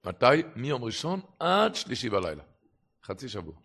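A man's voice: medium pitch, wildly swooping pitch, fairly bright tone. A man preaching a religious sermon and telling stories, impassioned, with his voice swelling and dropping for emphasis. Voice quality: gravelly.

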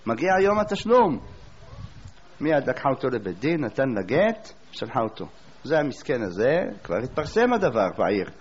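A male preacher tells a religious tale in a lively way and keeps posing rhetorical questions to his listeners. His voice sits slightly high, and the recording is dull and low-fidelity. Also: slight background noise. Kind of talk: sermon storytelling.

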